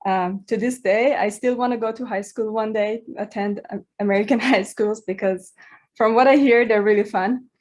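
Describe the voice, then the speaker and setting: A woman's voice: medium pitch, darkish tone. A woman, giving a talk to students in a hesitant way, with many fillers and small laughs. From Iran. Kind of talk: presentation to students.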